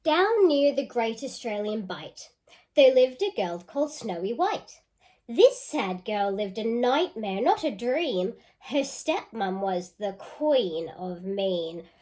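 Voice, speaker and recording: On the high side in pitch, a woman teacher's voice carries an expressive picture-book read-aloud for children, with pauses to ask them questions.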